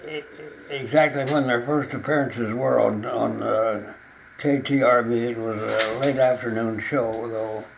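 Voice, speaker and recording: A very old man, around a hundred, reminiscing in an interview, halting and stammering as he searches for words, with an aged voice. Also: mid-range voice, fairly even intonation, slight background noise, poor audio. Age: very old, about 102. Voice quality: gravelly, aged voice. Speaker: interviewee recalling local music history. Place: small living room, indoors.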